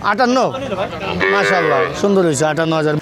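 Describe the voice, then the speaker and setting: A man's voice: fairly high pitch, lively intonation, fast talker, vocal fry. A Bangladeshi man vlogging from a busy outdoor cattle market, calling out questions to passers-by and repeating prices back in exclamatory commentary. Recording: loud outdoor crowd and traffic.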